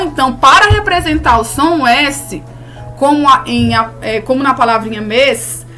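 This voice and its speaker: A Brazilian woman teaching an online class to young schoolchildren, patient and warm with tag questions and diminutives. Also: high voice. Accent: Brazilian Portuguese.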